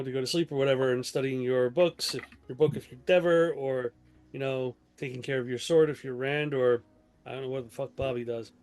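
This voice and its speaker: A man's voice: mid-range voice, clean tone. A man narrating a tabletop game as game master, in a loose, rambling way with restarts.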